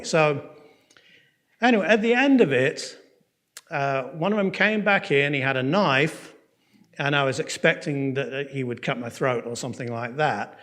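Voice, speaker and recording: A man with an English accent teaching a Bible course. He tells a personal story in a conversational way, checks in with his listeners and speeds up and slows down as he goes. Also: mid-range voice, a bit bright. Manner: frequent fillers and restarts, pace swinging quick and slow. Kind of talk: lecture with personal testimony.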